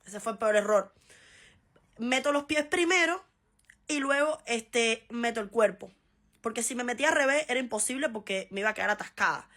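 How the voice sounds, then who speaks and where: Animated Cuban woman telling a story. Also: on the high side. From Cuba. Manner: animated, laughing, acts out voices. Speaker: vlogger. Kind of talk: casual storytime.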